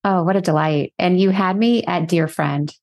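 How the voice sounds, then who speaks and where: A woman's voice: on the low side, normal speed, a little mellow. A middle-aged woman who works as a physician and life coach, a podcast guest telling her story in an earnest, reflective way, posing rhetorical questions.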